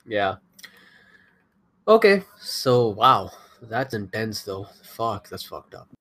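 A man chats on a casual podcast, speaking slowly and bluntly. He swears freely and mostly answers in short, shocked reactions. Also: lowish voice, big pitch swings, fairly bright tone, breathy edge. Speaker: podcast co-host.

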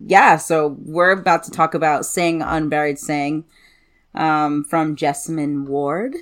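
A woman's voice: low-pitched, flat delivery, slow pace. A woman co-hosting a casual podcast, talking informally and a little hesitantly, in a self-deprecating way. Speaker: co-host.

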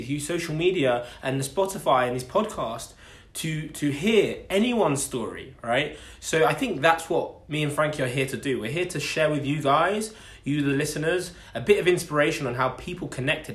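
A podcast co-host in his twenties, from Essex and southeast London, England, tells his story casually and earnestly in an Essex accent, repeating phrases for emphasis. His voice is fairly high-pitched and a bit bright, recorded in an echoey room.

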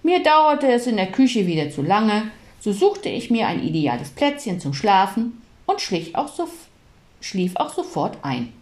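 A woman reading a children's storybook aloud in a lively, expressive way. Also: medium pitch, measured pace. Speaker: audiobook reader.

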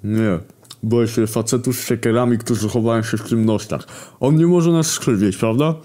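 A man's voice: on the low side, expressive, normal speed, mellow, voice pushed up, close to an everyday voice. A man voicing a frightened, panicky male Pestilence who pleads and frets. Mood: scared.

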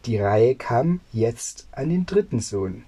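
A storyteller reading a fairy tale aloud at a calm, deliberate pace, with a few small slips and fillers. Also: mid-range voice, husky.

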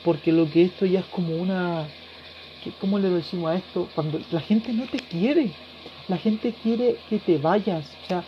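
A tearful man with a Chilean accent hosting a solo podcast, ranting passionately and swearing, his voice swinging from loud to hushed. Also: sits high, moderate pace, slight background noise. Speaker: podcast host. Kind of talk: emotional solo podcast rant. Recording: dull lo-fi recording.

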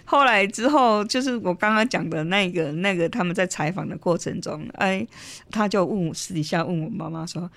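Taiwanese lady in her middle years telling her story to an interviewer, animated, does the voices of people she quotes. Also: fairly low pitch, normal speed. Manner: lively storyteller, mixes in Hokkien, acts out quotes. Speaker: interview guest.

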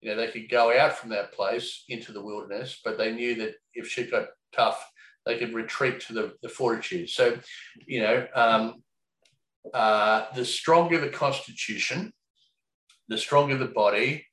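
A man speaking in an easygoing, reflective way, circling his points with plenty of fillers and a casual swear here and there. His voice sits at a middling pitch. The recording carries a noticeable room echo. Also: normal speed, fairly bright tone. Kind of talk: casual conversation. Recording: echoey room.

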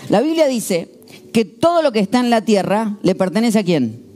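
A man preaching a sermon as a pastor, telling the story in an animated way. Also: sits high, normal speed, faint music behind. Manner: animated, storytelling, shifts into quoted voices.

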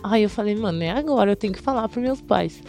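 A woman's voice: medium pitch, quick pace, faint music behind. A young Brazilian woman, a fashion model, tells stories from her career in a casual interview, acting out other people's voices as she goes. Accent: Brazilian Portuguese. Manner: lively storyteller who acts out other people's voices.

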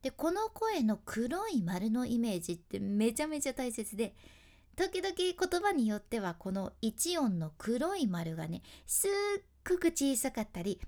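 A woman who works as an announcer gives a chatty, step-by-step lesson on speaking, acting out example phrases as she goes. Her voice is a little high and a little mellow, very animated, and she takes her time. The tone is casual and instructional.

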